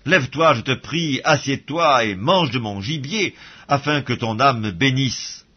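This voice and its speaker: A man's voice: mid-range voice, expressive, a little slow, slightly rough. A man reading the part of an anxious younger son deceiving his father, in a hesitant, careful way. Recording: dull lo-fi audio.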